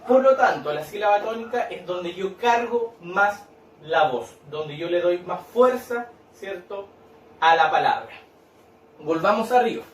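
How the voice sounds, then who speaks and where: A man's voice: high-pitched, animated, unhurried, far from the mic. A male teacher explaining a worksheet in a patient, repetitive way, checking in with tag questions. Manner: patient, repeats and claps out syllables, tag questions. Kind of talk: recorded lesson explaining a worksheet. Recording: echoey room, off-mic.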